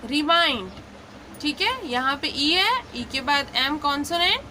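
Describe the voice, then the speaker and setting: A woman teaching English pronunciation in a patient lesson. She repeats each word slowly and checks in often. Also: high-pitched, lively intonation, sharp tone, slight background noise. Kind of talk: slow explanatory lesson.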